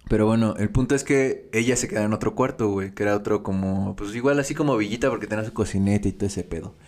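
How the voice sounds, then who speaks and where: A man with a Mexican accent, a podcast guest telling a story in casual, slangy talk with animated delivery and laughter. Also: lowish voice, quick pace.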